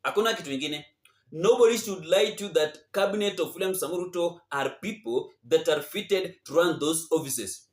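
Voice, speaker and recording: High-voiced indignant Kenyan man in echoey room. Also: moderate pace. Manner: indignant, rhetorical questioning, repetitive. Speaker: political commentator host. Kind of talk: off-the-cuff political commentary.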